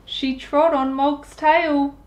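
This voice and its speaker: This picture-book read-aloud comes from a female storytime host in her thirties with a highish voice and a very unhurried pace, though the audio is poor. Expressive and deliberate with young children, she tosses in sound effects and talks directly to her audience.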